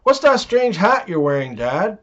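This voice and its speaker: A man's voice: sits high, very animated, a little slow. A man voicing an inquisitive young boy questioning his father in a joke. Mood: curious. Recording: dull lo-fi recording.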